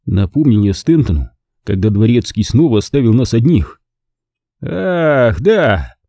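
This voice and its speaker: A male audiobook narrator telling the story in first person with a wry, dry touch. His voice is warm and husky, and his intonation rises and falls a lot. The recording is dry and close. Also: lowish voice, expressive, a little fast, dry recording.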